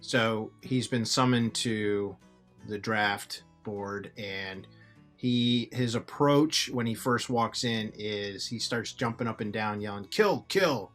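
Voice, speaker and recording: A man co-hosting a music talk show, recounting at length with hesitant, halting phrasing. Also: on the low side, steady tone, fairly bright tone. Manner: hesitant, many fillers and restarts while recounting. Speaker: podcast co-host. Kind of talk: casual chat.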